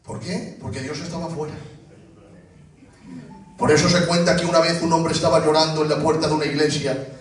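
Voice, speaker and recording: High-voiced Spanish preacher in an echoey hall. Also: male voice, flat delivery, brisk, pauses often. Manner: preaching with rising shouts and acted dialogue. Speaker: pastor. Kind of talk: sermon. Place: church. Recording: echoey church hall from far off.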